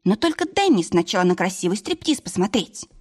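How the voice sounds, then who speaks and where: A woman's voice: mid-range voice, sing-song, brisk, breathy edge. A woman reading an audiobook voices a stubborn, tipsy young wife with a pouty, defiant manner.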